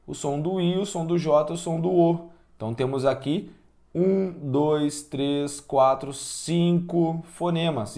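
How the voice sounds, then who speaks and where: A man with a Brazilian Portuguese accent teaching a class, energetic, asking the students questions and counting out loud. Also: on the high side. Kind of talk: online class lecture.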